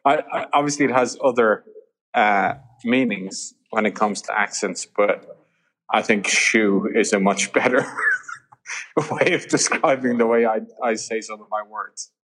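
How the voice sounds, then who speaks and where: Slow, husky-voiced Irish man. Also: on the low side, a bit bright, low-quality recording. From Ireland. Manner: self-deprecating, stammers and restarts. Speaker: guest comedian. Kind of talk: casual phone chat.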